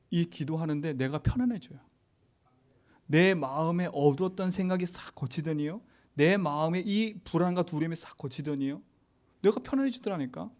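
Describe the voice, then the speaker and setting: A middle-aged man, a pastor, preaching a sermon in an animated, conversational way and putting rhetorical questions to the congregation. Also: a little high.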